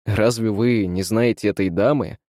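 A man's voice: fairly low pitch, normal speed, mellow, no echo, lightly acted. A composed young man speaking level and firm, as a male reader voices him. Dry, close recording.

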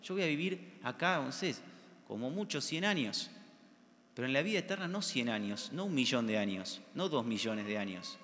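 Deacon preaching in a reverberant church. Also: male voice, medium pitch, expressive, normal speed, fairly bright tone. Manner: earnest, conversational preaching with quoted prayers. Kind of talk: homily.

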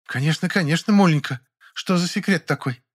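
A fussy older housekeeper, doting and quick to take alarm, as a male narrator puts her on. She laments and rattles through her words in a raised, higher voice. It is a storybook voice with a fretful edge. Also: husky. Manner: lamenting, rapid patter.

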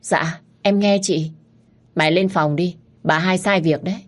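A woman's voice: lowish voice, fairly even intonation, unhurried. A woman voicing an obedient servant of the house, speaking deferentially.

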